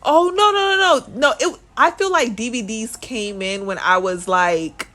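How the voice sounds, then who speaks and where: A woman's voice: on the high side, normal speed, bright, forceful tone. A woman in her thirties, a podcast co-host, chatting casually with lots of "like" fillers. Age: 30s. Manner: chatty, meandering, many fillers. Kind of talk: casual chat.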